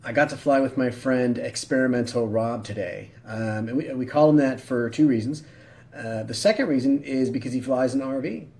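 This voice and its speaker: Man, 40s, husky voice, deadpan satirical vlogger, mid pitch, straight-faced delivery. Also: normal speed, rough recording. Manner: deadpan mock-earnest. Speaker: vlogger pilot. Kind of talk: satirical vlog. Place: home room, then small plane cockpit, then outdoors.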